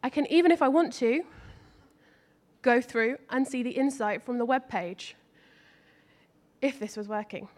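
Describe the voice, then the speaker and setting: A woman with a high voice presents a live software demo. She talks briskly through each feature. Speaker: app presenter.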